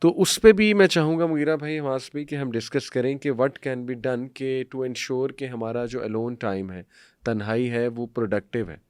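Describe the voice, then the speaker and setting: Male podcast host, reflective and conversational, smooth tone, dry close mic. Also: mid-range voice, steady tone, normal speed, a little mellow, no echo. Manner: reflective, mixes English phrases into his talk. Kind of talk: casual podcast discussion.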